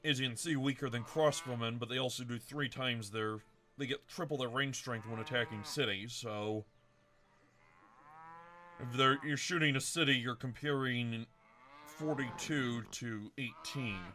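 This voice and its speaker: A man's voice: medium pitch, unhurried, sharp tone. A man hosting a let's-play video, casually thinking aloud and correcting himself as he plans his moves. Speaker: game commentator.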